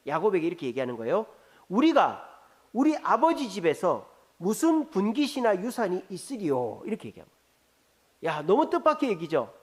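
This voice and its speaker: A man preaching a sermon as a pastor in a church, animated and acting out quoted voices. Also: sits high.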